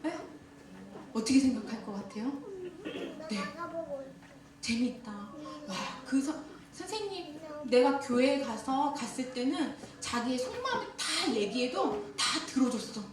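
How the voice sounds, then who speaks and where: Female seminar speaker, high voice, lively and laughing, booming hall echo. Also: measured pace, a crowd in the background. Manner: lively, questions the audience and laughs often. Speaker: speaker at a church teachers' seminar. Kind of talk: interactive seminar talk. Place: church hall. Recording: echoey hall, voice from far off.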